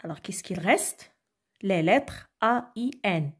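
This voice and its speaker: Slow, patient woman teacher. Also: mid-range voice, expressive, slightly rough. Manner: slow, patient, repeats "d'accord?" and sounds letters out. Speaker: primary school teacher. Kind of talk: recorded phonics lesson for children.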